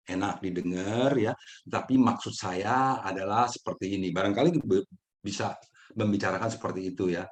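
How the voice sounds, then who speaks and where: Gentle man answering mindfulness questions. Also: fairly low pitch. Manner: gentle, unhurried, chuckles often. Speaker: mindfulness session speaker.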